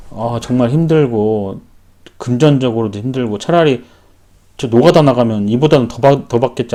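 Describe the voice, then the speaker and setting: A man's voice: medium pitch, mellow. A man who works as a welder tells his own story in a rambling, casual way and often corrects himself mid-sentence. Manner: rambling, frequent self-corrections. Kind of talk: personal storytelling.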